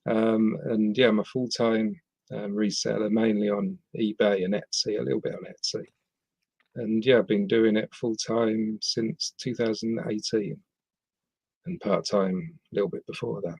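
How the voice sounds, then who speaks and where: A middle-aged man from England's West Midlands, English rather than Scottish, speaks hesitantly as a podcast guest, full of ums and restarts in casual interview chat. His lowish voice is creaky and darkish with a breathy edge and fairly even intonation, at a moderate pace, on a low-quality recording without echo.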